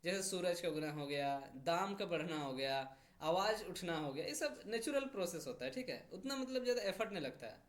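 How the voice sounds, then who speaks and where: Male teacher with a lively, swinging delivery, who works through verb forms step by step and slows right down for example sentences. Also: high-pitched. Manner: explains step by step, repeating "theek hai" after each point; reads English examples slowly and deliberately. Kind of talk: grammar lesson.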